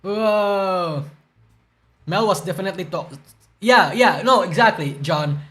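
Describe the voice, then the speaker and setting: A young man on a livestream rambles and swears while reacting to the news, stuttering and groggy from a hangover. He speaks unhurriedly in a high, slightly bright voice.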